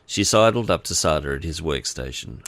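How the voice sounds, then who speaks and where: A man narrating an audiobook with expressive storytelling. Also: rumbling low, brisk, no room sound.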